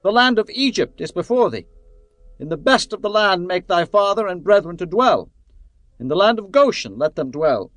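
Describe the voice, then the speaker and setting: A man's voice: sits high, big pitch swings, moderate pace, fairly bright tone, no room sound, poor audio. A man voicing a commanding ancient king, speaking in a regal, declamatory way. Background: faint music.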